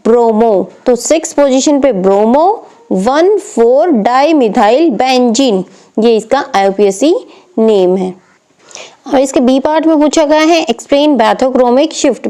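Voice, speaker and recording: High-voiced woman tutoring chemistry. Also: dark tone. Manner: explains step by step, asks and answers own questions. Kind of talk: exam paper walkthrough lesson.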